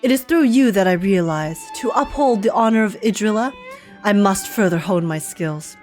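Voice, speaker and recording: A woman's voice: mid-range voice, expressive, moderate pace, darkish tone, soft background music, close to an everyday voice. A woman playing a florid, gallant male knight. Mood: admiring, gracious. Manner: theatrical, flowery, courtly. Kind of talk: reading game dialogue aloud in character.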